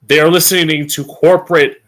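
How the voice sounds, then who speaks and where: An American man from Florida hosts a political commentary show in drag, delivering an opinionated monologue to camera in a campy, sassy, blunt style full of swearing. His voice is a little high and fairly bright, with brisk pacing and fairly even intonation.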